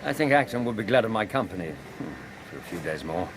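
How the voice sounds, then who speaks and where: Doctor Watson, mild, lilting English gentleman. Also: fairly low pitch, very animated, a little fast, a little hiss or hum, poor audio. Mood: amiable. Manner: courteous, gently questioning. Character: mild, loyal, thoughtful Victorian English doctor, detective's friend. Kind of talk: radio drama acting.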